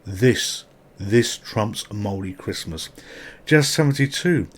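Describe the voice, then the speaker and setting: A man's voice: lowish voice, animated, takes it slowly. A man hosting a retro gaming channel, chatting casually and swearing now and then, with a sore mouth. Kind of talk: casual gameplay commentary.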